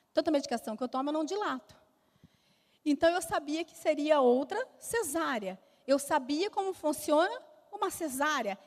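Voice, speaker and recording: A woman's voice: high voice, darkish tone. A woman telling her life testimony in church, emotional storytelling that acts out quoted dialogue. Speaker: testimony speaker. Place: church hall. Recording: hall reverb.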